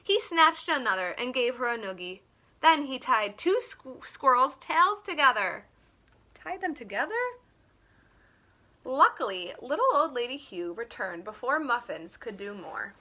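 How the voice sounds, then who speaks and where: Reading a picture book to children, this teacherly woman speaks slowly and deliberately. Her intonation swings widely, and her manner is animated throughout.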